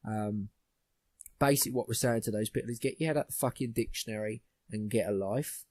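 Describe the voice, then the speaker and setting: A man's voice: on the low side, brisk, a little mellow, dry recording. A young man hosting a podcast, ranting bluntly with plenty of swearing in casual chat. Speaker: podcast host.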